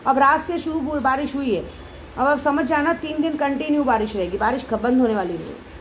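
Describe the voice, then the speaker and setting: A high-pitched woman carrying talks straight to her followers. She goes round in circles, emotional and repetitive. Faint background noise sits under her voice. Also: brisk, low-quality recording. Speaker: devotee leading night prayers. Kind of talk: casual monologue to followers.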